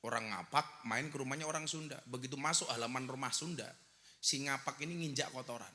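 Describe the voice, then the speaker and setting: A man's voice: medium pitch, brisk, sharp tone, big-room sound. A man preaching a humorous live sermon, teasing the crowd and breaking into sung prayers.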